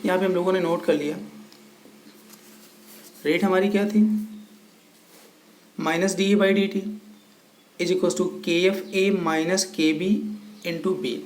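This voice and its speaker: A man's voice: high-pitched, steady tone, slow pace, long pauses. A man teaching a chemistry lecture. He explains step by step, asks questions and answers them himself, mixes English technical terms into his Hindi, and calls his students children. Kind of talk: recorded classroom lecture. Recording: echoey room with faint ambient noise.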